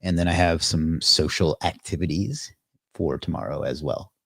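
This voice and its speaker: A man with a very low, husky voice hosts a casual livestream, rambling and greeting viewers by reading their comments aloud. He talks at a normal speed with vocal fry and a fairly bright tone. The sound is dry and close, with no room sound at all.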